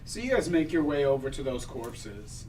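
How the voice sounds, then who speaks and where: A man's voice: mid-range voice, big pitch swings, moderate pace, dark tone. A man narrating a tabletop game casually as game master. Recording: distant mic with background noise.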